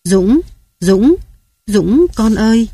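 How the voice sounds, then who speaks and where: A woman's voice: fairly low pitch, a little slow, warm tone, husky, no echo, studio quality. A woman voicing a grieving mother who was cast out by her family, speaking in a tearful, choked, pleading voice. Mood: sobbing.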